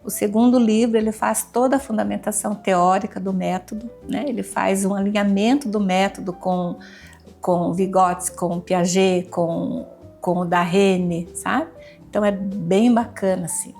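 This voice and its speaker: A woman's voice: mid-range voice, steady tone, moderate pace, vocal fry, darkish tone, soft background music. Teacherly woman explaining patiently. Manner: patient, teacherly, repeats examples. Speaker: educator guest. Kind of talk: explanatory interview talk.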